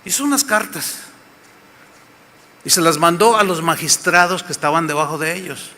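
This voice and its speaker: A man's voice: on the high side, normal speed, pushed and bright. A man with a Mexican accent preaching a sermon, telling a story dramatically and asking the audience rhetorical questions. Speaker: pastor. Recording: echoey hall.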